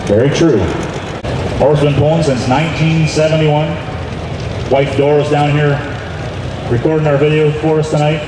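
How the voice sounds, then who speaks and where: A man's voice: on the high side, little pitch movement, normal speed, pauses often, recorded from a distance. A man announcing a tractor pull over a PA, with folksy live commentary and rousing calls out to the fans. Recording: echoey outdoor PA from afar, loud engine noise.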